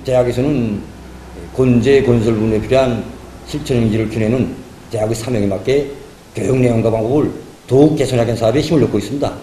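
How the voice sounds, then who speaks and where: Mellow North Korean man in echoey room. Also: mid-range voice, fast talker. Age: middle-aged. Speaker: college dean. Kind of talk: formal interview statement. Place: indoor office. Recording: echoey room with faint noise.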